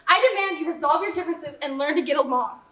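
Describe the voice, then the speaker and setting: A man voicing an imperious male god whose booming voice sounds magically amplified and echoing, with grand, theatrical commands. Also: fast, sharp tone. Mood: commanding. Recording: echoey voice from far off.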